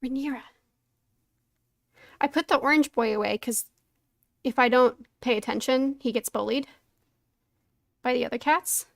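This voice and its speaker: A woman thinks aloud casually as she streams her painting, a little flustered and self-deprecating. Her voice sits fairly high with strong vocal fry, and the sound is dry. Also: moderate pace, pauses often, no echo. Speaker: streamer painting along to a tutorial.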